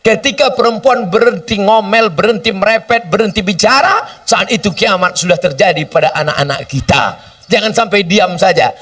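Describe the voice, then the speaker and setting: A man's voice: high-pitched, normal speed, fairly bright tone, distant mic. A man preaching a humorous sermon, often acting out short dialogues between people. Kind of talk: sermon with question and answer.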